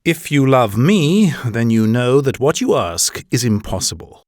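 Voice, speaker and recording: A woman's voice: a bass voice, big pitch swings, a little slow, a little mellow, no room sound, studio quality, voice pushed down, heavily acted. A woman voicing a firm, sea-loving ship's lieutenant in a storybook reading.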